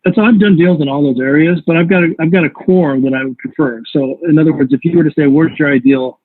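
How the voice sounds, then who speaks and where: A man's voice: fairly high pitch, quick pace, no echo. Man teaching over a tinny call. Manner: conversational, rambling with self-corrections. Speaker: real estate investing instructor. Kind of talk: live online workshop teaching. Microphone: video call. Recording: tinny call audio, dry.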